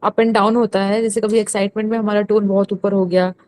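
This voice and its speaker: A woman student answers the teacher in an online class. Her voice is warm and mellow, and she explains at a slow pace with hesitant fillers. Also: medium pitch, level tone, poor audio.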